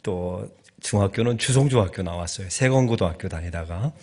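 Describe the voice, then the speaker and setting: Joking Chungcheong-accented preacher, low voice. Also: male voice, a little fast, warm tone. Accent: Chungcheong Korean. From Chungcheong, Korea. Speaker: guest pastor. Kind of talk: sermon. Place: church sanctuary.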